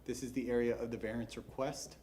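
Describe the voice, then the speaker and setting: A man giving a brisk, businesslike, formal case presentation at a public hearing, as a staff member. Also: medium pitch, little pitch movement, warm tone. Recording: faint noise, public hearing room.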